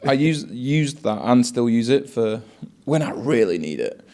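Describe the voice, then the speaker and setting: A man's voice: medium pitch, very animated, a little slow, a little mellow. A man coaching and hosting a casual interview, rambling along with lots of "like" and "mate". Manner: chatty, rambling, peppered with "like" and "mate".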